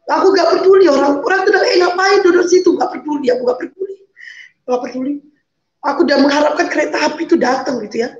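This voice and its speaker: Lady telling her story on a video call, emotional, keeps repeating herself, high voice, sounds dull and roomy. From Medan, North Sumatra. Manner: emotional, pleading, repeats phrases. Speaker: guest. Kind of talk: emotional personal testimony.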